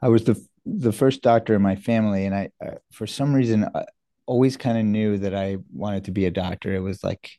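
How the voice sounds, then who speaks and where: A man's voice: on the low side, brisk, dark tone, no room sound, clean studio sound. A middle-aged man from New York, a guest surgeon telling his story in a casual interview, earnest and self-deprecating. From New York, USA.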